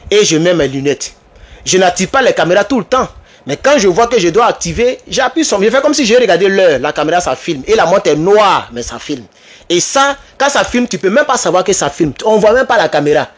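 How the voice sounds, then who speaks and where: High-voiced Ivorian man vlogging. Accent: Ivorian French. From Côte d'Ivoire. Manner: animated storytelling, addresses viewers directly. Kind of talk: casual monologue to camera.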